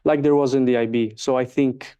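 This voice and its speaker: The recording is lo-fi, but this Swiss man's dark, clean, mid-range voice comes through steady and brisk. In his twenties and a native Swiss German speaker, the market researcher answers casual interview questions thoughtfully, using many fillers.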